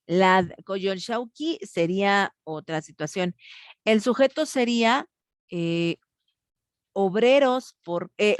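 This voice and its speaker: Over a video call, a woman with a medium-pitched voice teaches grammar online. She stays patient, breaks things down step by step, and prompts her students to respond. There's no echo, and the audio is studio grade.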